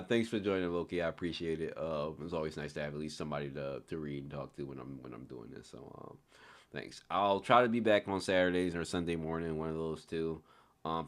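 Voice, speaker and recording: A man on a casual reaction stream, reading a web novel and talking back to his chat, excitable and swearing often. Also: extremely low pitch.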